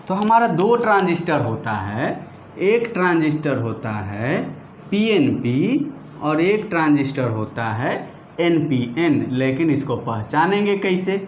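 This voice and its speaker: Speaking in a voice on the high side, a male teacher delivers a mixed Hindi-English classroom lecture where he asks and answers his own questions. Terms are drilled at a slow pace, single words stretched long, in a roomy recording with a touch of hiss or hum.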